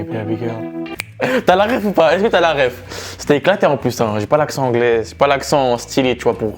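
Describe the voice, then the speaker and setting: A young man chatting casually on his vlog, slangy and animated, laughing often. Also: fairly high pitch. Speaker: vlogger.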